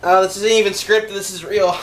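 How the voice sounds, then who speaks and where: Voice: mid-range voice, little pitch movement, brisk, slight background noise, poor audio. A vlogger chatting casually and trading playful, argumentative banter. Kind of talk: casual vlog chat.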